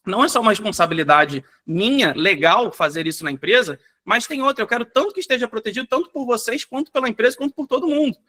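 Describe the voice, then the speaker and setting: A man with a Brazilian Portuguese accent, a company founder giving a live online workshop demo over a video call, talking energetically and dropping "né?" and "gente" as fillers. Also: very high voice. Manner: energetic, rapid, fills with "né?" and "gente". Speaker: software company founder presenting.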